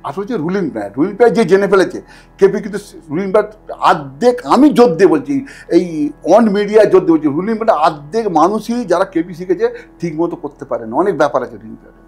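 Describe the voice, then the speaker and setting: A man who is an astrologer, a podcast guest telling stories in a casual, animated way, acting out other people's lines and urging the listener to imagine. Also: high-pitched, breathy edge. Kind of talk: casual storytelling in conversation. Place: podcast studio.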